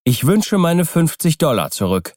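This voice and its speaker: An excitable young man, voiced by a male audiobook reader, his voice pushed high and urgent. He sounds jumpy and quick to alarm, on a dry, close recording. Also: dry recording. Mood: wary. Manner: raised, urgent, excitable delivery. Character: young man, wary then alarmed by a magic bottle. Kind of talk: audiobook character voice.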